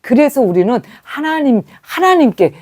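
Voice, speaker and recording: A woman's voice: sits high, big pitch swings, moderate pace, a little mellow. A middle-aged woman giving a sermon testimony, telling a story animatedly with quoted dialogue. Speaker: preacher.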